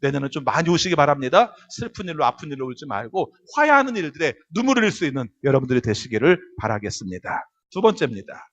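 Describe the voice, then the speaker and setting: A male pastor preaching with a lively, swooping delivery and a voice pitched a little high. He acts out quoted voices and keeps checking in with his listeners. The recording sounds dull and lo-fi. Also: quick pace, few pauses. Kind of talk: sermon.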